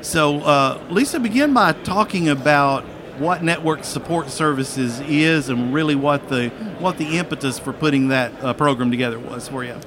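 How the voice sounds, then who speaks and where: A man hosting a live podcast interview from a busy convention hall, speaking in a hesitant, halting way. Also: fairly high pitch, background noise. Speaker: podcast host. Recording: busy expo hall crowd behind. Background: crowd and hall bustle.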